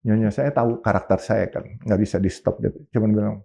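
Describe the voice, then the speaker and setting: A man's voice: on the low side, fairly even intonation, fast talker, creaky, mellow. A man, a businessman guest, telling stories animatedly in an interview, slipping in English phrases. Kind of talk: interview storytelling.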